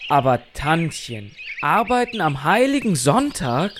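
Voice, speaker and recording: Cheeky grumbling boy schemer, audio drama, slow dramatic delivery, lots of bug noise behind. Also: medium pitch, sing-song. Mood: whining, sulky.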